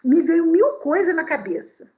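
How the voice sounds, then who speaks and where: At a spiritist meeting, a woman delivers a sermon-style talk full of personal anecdotes, an animated storyteller peppering her listeners with rhetorical questions. Her voice is very high and unhurried, captured on a dull lo-fi recording.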